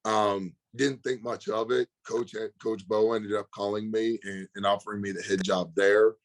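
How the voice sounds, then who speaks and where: A man, a strength and conditioning coach, telling a story in a relaxed podcast interview and acting out quoted dialogue. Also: lowish voice, normal speed.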